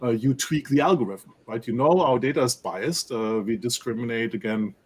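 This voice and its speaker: A man with a German accent speaking as an analyst guest in a panel discussion, animated and peppering his points with rhetorical tag questions. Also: medium pitch, normal speed, slight background noise. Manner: animated, rhetorical "right?" tags.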